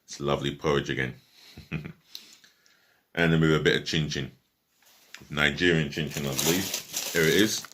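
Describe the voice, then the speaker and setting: A man with a low, forceful and bright voice gives a rambling fan review of a football match. He is blunt, swears freely and fills his talk with ums, now and then speaking through a mouthful of food. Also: steady tone, measured pace, long pauses. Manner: talks while eating. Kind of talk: casual match review vlog.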